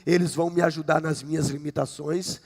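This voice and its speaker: Man in his fifties, pastor, high voice, gravelly, conversational sermon, reverberant hall. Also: fairly even intonation, brisk, darkish tone. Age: 50s. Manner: conversational preaching with frequent "né?" and jokes. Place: church sanctuary.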